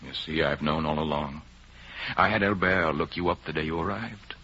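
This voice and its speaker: A very deep, husky, exaggerated voice, bright and forceful at normal speed, belongs to a man voicing a lovestruck aristocratic count who is also an earnest patriot. He delivers his lines in a declamatory, romantic, grave and confiding way, on a muffled 1930s radio recording with music.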